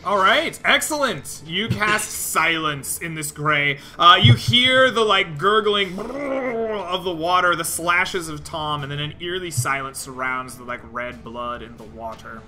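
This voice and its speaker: A man's voice: fairly high pitch, measured pace, few pauses, bright, forceful tone, faint music behind. A man working as game master, casually narrating the action, giving rulings and encouraging the players. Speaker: game master of a tabletop RPG.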